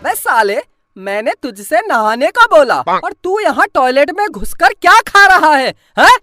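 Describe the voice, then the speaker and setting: A gruff, short-tempered cartoon father, played by a woman with a lowered voice that still sits high. He scolds in slow, heavy phrases. Music runs underneath. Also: sing-song, sharp tone, full character voice. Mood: scolding. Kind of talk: comic cartoon voice acting. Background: background music.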